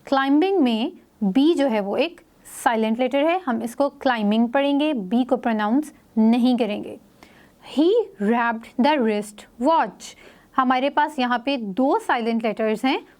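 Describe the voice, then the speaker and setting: A woman teaching phonics to young children, reading English example sentences slowly and explaining each sound in Hindi-Urdu. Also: a little high, a little mellow.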